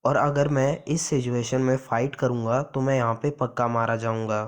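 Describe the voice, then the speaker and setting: A man's voice: mid-range voice, level tone, normal speed, clean tone, lightly acted. A man voicing a boastful, reckless young male hero in a comic recap, with a cocky, defiant delivery in his own everyday voice.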